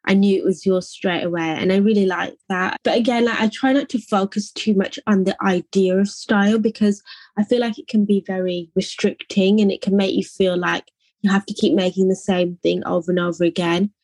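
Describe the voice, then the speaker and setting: Speaking fairly quickly in a medium-pitched voice with fairly even intonation, this young artist from England reflects softly on interview questions. She often says "like" and "I think," and the recording is dry.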